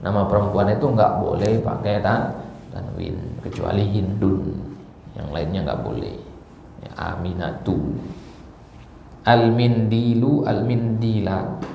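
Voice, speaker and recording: A man with a low, gravelly voice teaches an Arabic grammar lesson. He keeps asking the class questions and then answers them himself. He is recorded in a roomy mosque hall with a faint hum of noise behind him. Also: lively intonation, unhurried, muffled recording.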